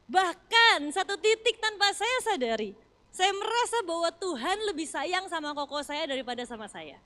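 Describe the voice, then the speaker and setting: A woman pastor in her thirties preaching a sermon, swinging from loud emphasis to soft near-whispers and often addressing the congregation directly. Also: very high-pitched, expressive, normal speed. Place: church hall.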